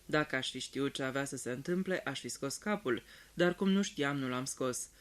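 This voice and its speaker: A man reading an audiobook aloud in a calm, even storytelling manner. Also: medium pitch. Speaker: audiobook reader. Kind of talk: scripted audiobook narration.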